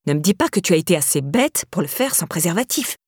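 A woman's voice: lowish voice, very animated, fast talker, slightly rough, no echo, studio quality. A woman voicing a scornful, hard-faced stepmother who sneers and needles. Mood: contemptuous.

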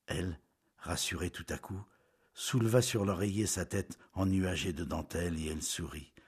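A man reading a novel aloud in scripted narration, measured and intimate, often dropping to a hush. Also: sits low, slightly rough.

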